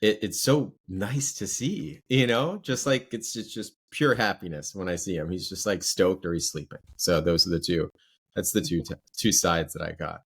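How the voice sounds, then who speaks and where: Easygoing low-voiced podcast host. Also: male voice, moderate pace, vocal fry, a bit bright, breathy edge. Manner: chatty, reacts with laughs and asides. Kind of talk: casual chat.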